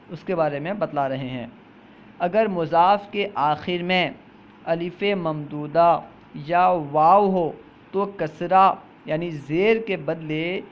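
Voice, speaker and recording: A man teaching a grammar lesson, who reads each example slowly, repeats it and then explains it. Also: on the high side, dull audio, slight background noise.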